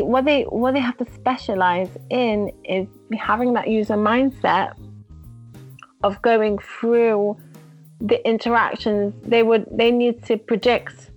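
A woman with a non-native English accent, a guest talking about UX writing in a casual interview, animated and laughing often as she acts out little exchanges. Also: medium pitch, lo-fi sound.

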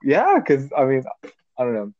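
Over a muffled, dry phone line, a teenage podcast co-host rambles along, dropping "like" constantly. His mid-range voice swings hugely in pitch, moving at a moderate pace with a darkish tone.

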